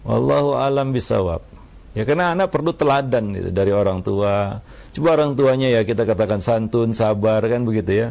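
A man speaks as a preacher, giving calm parenting advice. His voice sits fairly low and has a gravelly, creaky texture. He talks at an unhurried pace and tags his sentences with a soft "ya". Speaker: Islamic preacher answering questions. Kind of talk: religious advice talk on parenting.

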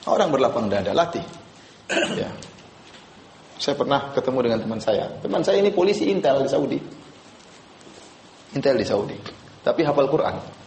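A man's voice: medium pitch, sing-song, normal speed, long pauses, darkish tone, a little hiss or hum. A man preaching a religious lecture to a live audience, casual and joking, quizzing the listeners. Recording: echoey room.

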